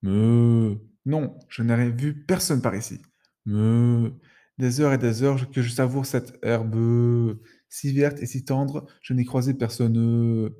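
A man doing a slow, placid cow lady. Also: mid-range voice, fairly even intonation, mellow, lightly acted. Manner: slow, mouth full. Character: female cow, placid, chewing grass.

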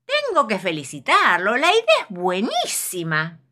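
A woman's voice: mid-range voice, huge pitch swings, measured pace, bright, forceful tone, voice pushed up, full character voice. A woman voicing an earnest male cricket teacher in a storybook, encouraging and explaining like a teacher. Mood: teacherly.

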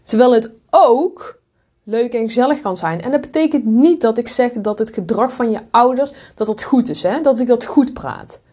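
A woman's voice: fairly high pitch, animated, normal speed, a little mellow, husky. A woman hosting a podcast, giving frank, blunt motivational advice and slipping in swear words and English asides. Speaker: podcast host and coach. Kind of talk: direct motivational monologue.

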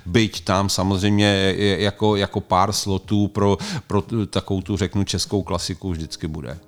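Low-voiced guy, pretty monotone, keeps saying eh and restarting, smooth clear voice. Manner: hesitant, many fillers and restarts. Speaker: festival organizer and booker. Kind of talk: casual interview answers.

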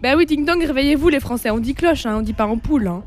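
A woman's voice: sits high, lively intonation, quick pace, darkish tone. A young Belgian woman with a Belgian French accent, hosting a playful mock lesson as a teasing quizmaster in a radio studio. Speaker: radio columnist. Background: faint music.

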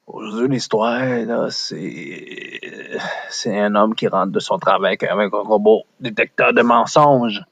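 A man's voice: fairly low pitch, takes it slowly, creaky, a bit bright. A man with a Québécois accent hosting an improvised storytelling show, rambling and joking as he goes. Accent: Québécois French. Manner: rambling, jokey. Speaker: storyteller host.

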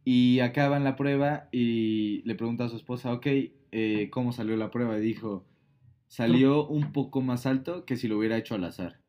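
A man's voice: medium pitch, steady tone, normal speed, lo-fi sound. Man retelling a film plot. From Mexico. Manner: storytelling with many fillers. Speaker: podcast co-host. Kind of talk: casual chat retelling a film.

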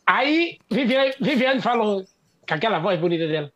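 A man's voice: sits high, very animated, very noisy. A man playing a boastful, stubborn older bricklayer, blustering and cursing on a radio show. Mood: grumbling, boastful. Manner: blustery, quick to grumble and curse. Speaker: comic character on a radio show.

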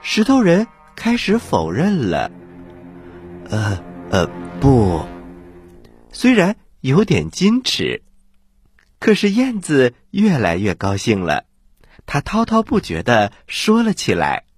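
A man hosting and narrating stories for children in an animated, husky voice. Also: a little high, a little slow, dry recording, clean studio sound, soft background music. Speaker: children's storyteller, host.

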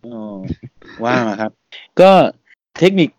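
Chatty Thai podcast host, dry sound. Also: male voice, fairly low pitch, lively intonation, slow, a little mellow, dry recording. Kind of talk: casual podcast chat.

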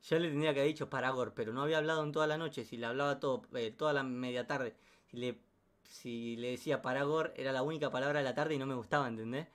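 Speaking fast at a medium pitch, this male storyteller has a Rioplatense Argentine accent. He spins a funny anecdote in lively slang, peppered with asides and sound effects.

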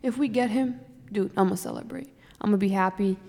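A young woman talks casually about her team, her words tumbling out in long, emotional runs packed with "like". Her voice has a gravelly fry to it. She sits in a reverberant room, and the sound trails off with a long echo. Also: mid-range voice, fairly quick, warm tone. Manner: rambling, emotional, many "like" fillers. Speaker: sports fan podcast co-host. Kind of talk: casual chat.

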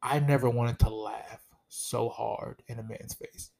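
A man's voice: medium pitch, fairly even intonation, a little slow, vocal fry, darkish tone. A young man telling a story in a casual, profane way, laughing often as he talks.

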